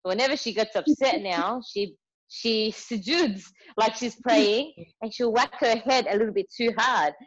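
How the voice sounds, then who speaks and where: A young mother tells chatty stories in casual conversation, filling them with lots of fillers. Her voice is a little high and moderately paced, captured in slightly muffled lo-fi audio.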